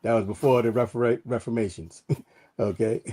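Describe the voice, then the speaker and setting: Male panelist, mellow relaxed tone, halting stammered delivery with repeated words. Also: medium pitch. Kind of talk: casual explanatory talk.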